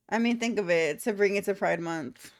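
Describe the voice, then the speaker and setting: A young woman with a mid-range voice is streaming live, chatting casually and reading viewer comments. She's blunt, candid, and laughs often. The recording is dry and studio quality.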